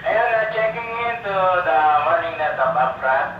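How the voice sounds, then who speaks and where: A man's voice: on the high side, animated, moderate pace, very echoey. Filipino man over crackly two-way radio. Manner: friendly, rattles off greetings. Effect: received over a two-way radio with static. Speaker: amateur radio operator checking in. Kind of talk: casual radio check-in. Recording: muffled distant radio with static.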